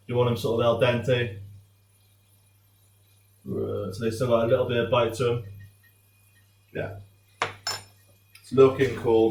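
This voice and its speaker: A British man presenting a recipe in a laid-back, jokey, chatty way, like a casual cooking tutorial. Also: mid-range voice. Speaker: home cook presenting a recipe. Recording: roomy, distant mic, faint noise.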